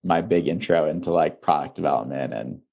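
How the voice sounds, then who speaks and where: Young man, very low voice, relaxed, rambling, lots of fillers, founder guest. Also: brisk, gravelly, dull audio. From Illinois, USA. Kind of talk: casual interview.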